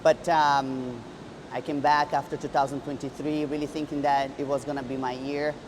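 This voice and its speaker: A woman's voice: very deep voice, little pitch movement, normal speed, noisy background. A woman in her thirties, a bodybuilder and coach, telling her story in an earnest, reflective way with many restarts. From Brazil. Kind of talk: personal storytelling vlog.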